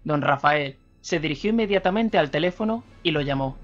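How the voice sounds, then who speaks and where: A man's voice: on the high side, fairly quick. Male radio narrator telling a suspense story. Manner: steady storytelling. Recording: slightly dull radio recording, faint music.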